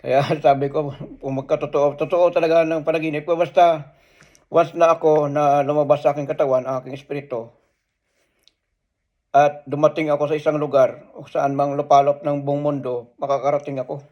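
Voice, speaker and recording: A man's voice: on the high side, level tone. Earnest man telling his dream stories. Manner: earnest, halting, many restarts and pauses. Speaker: storyteller recounting prophetic dreams. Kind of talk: casual first-person storytelling. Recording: dull lo-fi sound.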